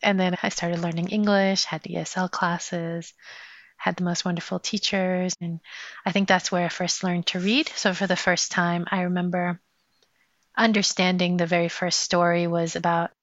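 A woman's voice: lowish voice, flat delivery, moderate pace, no echo. Reflective woman poet, dry dull recording. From Afghanistan. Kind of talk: personal interview. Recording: dry, slightly dull sound.

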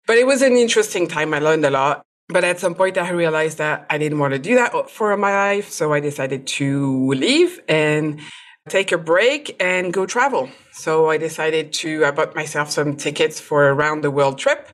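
A photographer from France appears as a guest on a podcast interview, speaking at normal speed in a low-pitched voice. She's chatty and laughs often.

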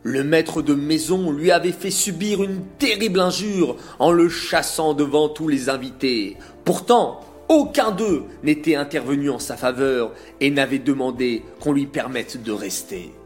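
A man narrating a religious story in a measured, expressive reading voice. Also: fairly high pitch. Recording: faint music behind.

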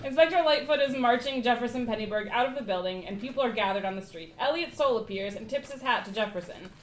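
A woman's voice: a little high, lively intonation, fast, roomy sound. A woman reading stage directions in a casual, amused script read-through, with occasional stumbles.

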